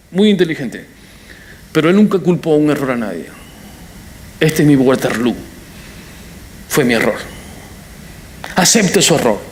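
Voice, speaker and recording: Un pastor predicando un sermón de forma animada, con apartes juguetones. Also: male voice, sits high, a little hiss or hum. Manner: animated preaching with playful asides. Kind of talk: sermon.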